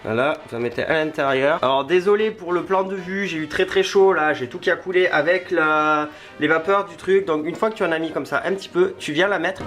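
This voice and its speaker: Man, fairly high voice, casual tutorial vlogger, informal and self-deprecating, light background music. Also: a little fast, hardly any pauses. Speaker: video creator testing a product. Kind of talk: casual chatty tutorial vlog. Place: home kitchen.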